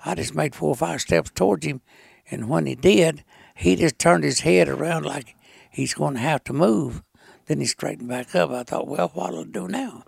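An elderly man with a rural Arkansas, Appalachian-like mountain accent and a gravelly voice, telling a folksy story in a halting, plainspoken way. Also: a little high, dry recording. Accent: rural Arkansas Ozark mountain, Appalachian-like. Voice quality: gravelly, raspy old voice. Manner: halting, plainspoken, rustic grammar. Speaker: storyteller being interviewed.

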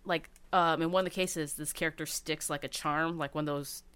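A woman's voice: low voice, steady tone, a little fast, fairly bright tone, clean tone. A woman in casual chat about favorite video games, rambling with many fillers and restarts. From Cantonese family background.

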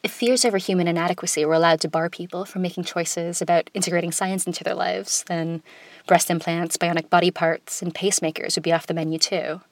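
A woman hosting a podcast, reading a scripted opinion piece in a smooth, composed, conversational way with wry touches. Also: lowish voice, level tone, fairly quick, no echo. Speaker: podcast host. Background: music.

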